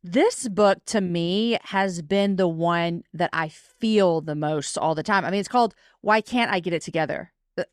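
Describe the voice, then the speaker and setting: A woman's voice: fairly low pitch, clean tone, dry recording, studio quality. A woman in her forties, a guest author talking candidly and emotionally in a casual podcast interview. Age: 40s. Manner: candid, emotional, quick self-talk asides.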